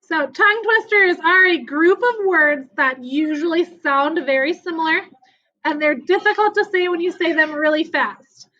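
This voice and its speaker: Woman, elementary teacher running an online lesson; bright high voice, upbeat and coaxing, muffled video-call audio. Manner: upbeat, encouraging, speaks to children.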